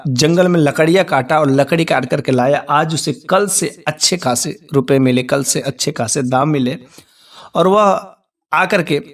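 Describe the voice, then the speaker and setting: Male storyteller, raised gravelly voice, distant mic, animated delivery. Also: a little high. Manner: animated, acts out voices of characters in the tale. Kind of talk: devotional story narration.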